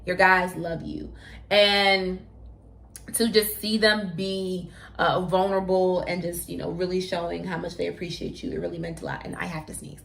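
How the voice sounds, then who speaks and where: A woman's voice: lowish voice, fairly even intonation, moderate pace, gravelly, fairly bright tone. A woman co-hosting a casual chat show, talking in a chatty, effusive way and calling her viewers "y'all". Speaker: co-host.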